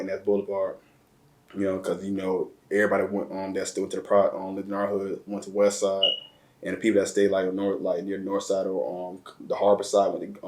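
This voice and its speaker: A man from the Chicago area of Illinois, with a deep, flat voice, tells reflective personal stories as an interview guest. He talks slowly and flatly, repeating words and using slang, and the recording has a roomy echo.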